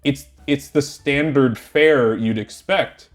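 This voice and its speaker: A man co-hosting a casual film-review podcast, blunt and opinionated, laughing often between quick remarks. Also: medium pitch, soft background music. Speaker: podcast co-host.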